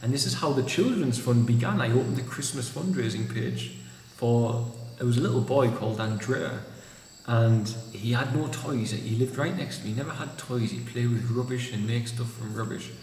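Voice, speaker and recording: A man vlogging in a reflective, unhurried way, recorded in an empty room with a big hall echo. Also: mid-range voice, darkish tone, a little hiss or hum. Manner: thoughtful, unhurried, restarts phrases. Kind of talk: reflective monologue. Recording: echoey empty room with long reverb.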